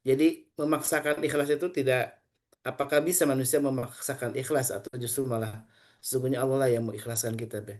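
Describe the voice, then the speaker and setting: A man relaying an audience question in a measured, hesitant way, restarting his words. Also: medium pitch, fairly even intonation, darkish tone. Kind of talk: relaying a question in a religious talk.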